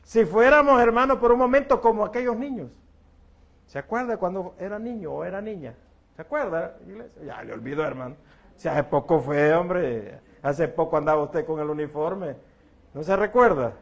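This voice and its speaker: A middle-aged pastor with a notably high voice. He preaches a church sermon in a folksy, joking way, keeping close to the congregation by calling each listener brother. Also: moderate pace, gravelly, muffled recording.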